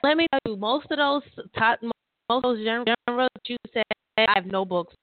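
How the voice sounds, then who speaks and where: A woman's voice: fairly high pitch, moderate pace. A woman who leads a group of writers, talking over a phone line from a laptop with headphones, rambling and restarting as she calls her listener girl. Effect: heard over a phone line. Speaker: author and publisher leading a writers' call. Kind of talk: casual call with a writer. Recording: tinny, dry call audio.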